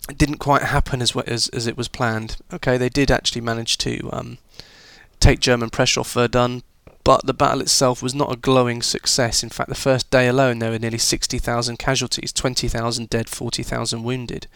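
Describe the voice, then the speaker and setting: A man's voice: medium pitch, flat delivery, brisk, vocal fry, a bit bright, clear, resonant tone, no echo. A man talking students through a history lesson in a chatty, informal way, with fillers and restarts. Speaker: history teacher.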